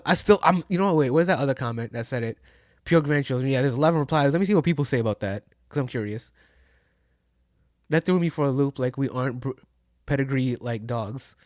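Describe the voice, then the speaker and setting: A man's voice: mid-range voice, dry recording, clean studio sound. A man in his twenties giving casual, profane reaction commentary at home, chatty and full of slang. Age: 20s. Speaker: reaction streamer.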